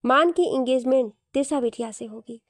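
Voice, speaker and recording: A woman's voice: high-pitched, normal speed, dry recording, studio quality, close to an everyday voice. A woman reading as a stern royal father, commanding. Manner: firm, commanding declarations.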